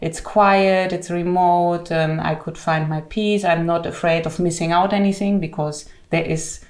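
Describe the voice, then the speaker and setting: A woman's voice: fairly low pitch, measured pace. German-accented woman in a roomy space. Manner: relaxed, laughs easily, hesitant fillers. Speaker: guest, co-living founder. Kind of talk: casual interview answers.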